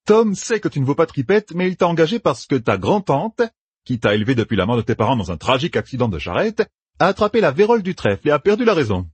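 A man's voice: fairly high pitch, very animated, breathy edge, dry recording, voice pushed up. A man voicing a brash young schemer who barks out plans in a raised, emphatic voice in an audiobook. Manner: bossy, emphatic, rapid-fire planning.

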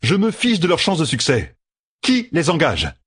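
A man's voice: a little high, expressive, a little fast, slightly rough, dry recording, studio quality, pitched above the performer's own voice. A man voicing a brash, cocky one-eyed young rogue who talks in a sardonic, defiant way, read from a fantasy audiobook.

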